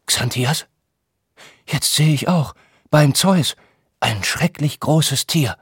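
A man's voice: mid-range voice, big pitch swings, unhurried, slightly rough, no room sound, studio quality, pitched above the performer's own voice, full character voice. A man voicing a frightened male servant in a Greek comedy, read aloud in an audiobook. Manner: alarmed, exclaiming. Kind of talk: audiobook reading.

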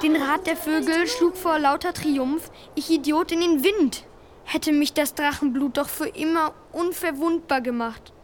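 A woman's voice: high-pitched, unhurried, slight background noise. A woman voicing a frightened, guilt-ridden boy who narrates earnestly in the first person. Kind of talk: radio play narration.

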